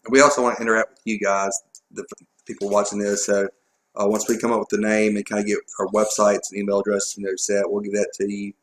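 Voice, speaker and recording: A man's voice: fairly low pitch, little pitch movement, fast talker. A man with a Southern American accent co-hosting a casual sports chat show, plain and matter-of-fact. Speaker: co-host. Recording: echoey room.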